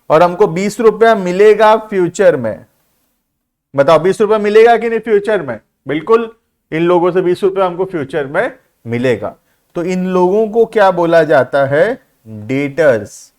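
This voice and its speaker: A man gives a commerce lesson in a teasing, conversational way. His voice sits a little on the high side. He keeps asking his students rhetorical questions and slips English terms into his explanations. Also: expressive, moderate pace. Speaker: commerce teacher. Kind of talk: classroom lecture.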